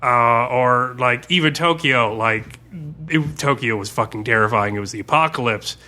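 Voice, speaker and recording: A tabletop game master, guesting on a podcast to talk about his campaign, chats casually and swears freely as he explains things. His voice is medium-pitched and bright with a forceful edge, delivered at a moderate pace.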